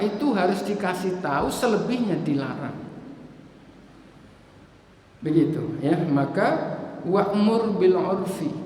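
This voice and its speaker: A man preaching at a mosque study session, telling everyday stories and acting out parents and children in lively little scenes. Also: high voice, slight background noise. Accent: Indonesian. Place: mosque hall. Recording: echoey hall reverb.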